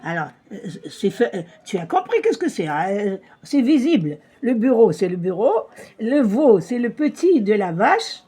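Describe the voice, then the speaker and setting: Woman teacher, patient, husky, animated pitch, repeats and explains slowly. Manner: slow, repeats words and gives translations. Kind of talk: patient reading lesson for a child.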